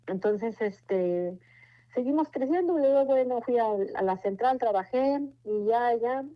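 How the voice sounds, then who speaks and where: A fairly high-pitched, animated Mexican woman in her forties gives her personal testimony of faith a little slowly, rambling earnestly through her story. It's captured on a muffled, lo-fi recording.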